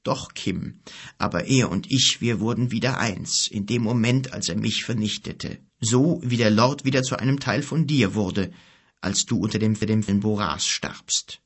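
A man's voice: on the low side, slightly rough. Man voicing a grave old wizard. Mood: solemn, grave. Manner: slow, solemn, measured. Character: wise old male wizard, calm and grave.

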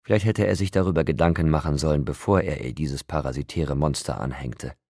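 A man reads an audiobook in a measured first-person narration. His voice is extremely deep and gravelly, with a husky grain. The recording is dry and close, with no room echo. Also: dark tone.

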